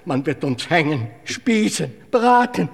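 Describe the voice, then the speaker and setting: A cowardly palace guard who stammers, whines and wails over his fate. His high voice leaps wildly up and down. It rings with a long studio reverb, and soft music plays beneath it in this children's radio play. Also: big pitch swings, measured pace, creaky, heavily acted. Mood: panicked. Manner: stammering, wailing and lamenting.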